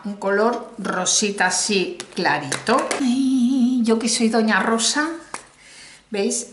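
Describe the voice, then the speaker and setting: A middle-aged woman from Spain with a Spanish accent, chatting casually to viewers as she reviews a makeup haul, exclamatory and talking straight to the camera. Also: mid-range voice. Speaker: beauty vlogger. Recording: echoey room, faint noise.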